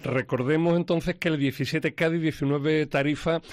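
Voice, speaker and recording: A man's voice: a little high, steady tone, moderate pace, no room sound, studio quality. A man hosting a radio interview, announcing show dates and keeping the chat moving. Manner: brief agreeing interjections, promotes show dates. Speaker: radio host.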